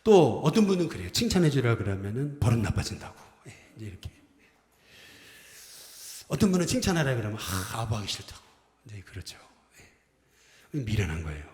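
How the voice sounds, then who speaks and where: A man's voice: medium pitch, a little fast, pauses often. A middle-aged man preaching a Sunday sermon as senior pastor, leading the congregation in call-and-response greetings. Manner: lively, acts out quoted phrases. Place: church sanctuary. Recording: echoey church hall with long reverb.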